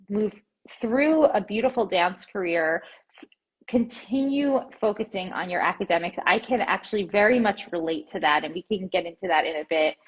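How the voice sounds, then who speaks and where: A podcast host who is a dietitian leads a relaxed, casual interview, warm and affirming, with lots of encouraging remarks, fillers, and small restarts. Her voice is slightly husky and breathy, in a middle range for a woman. The muffled recording opens with an intro over music.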